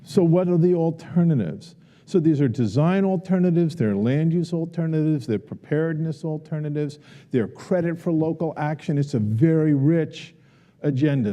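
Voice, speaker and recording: Male professor, earnest lecture, deep mellow tone, big reverberant hall. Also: lively intonation, normal speed. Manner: earnest, repeats questions for the audience. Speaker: professor giving a symposium talk. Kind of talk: lecture and audience Q&A. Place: university auditorium. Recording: long auditorium reverb.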